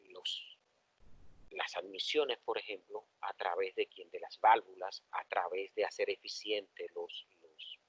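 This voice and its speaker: A male engineering professor with a Dominican accent, giving a lively classroom lecture and asking the students questions. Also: fairly low pitch, slightly rough, no room sound. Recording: dull, dry lo-fi classroom recording.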